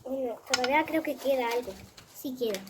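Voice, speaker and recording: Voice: sits high, a little fast, very noisy. A children's channel host chatting casually and thinking aloud while unboxing. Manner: exclaims and thinks aloud while handling items.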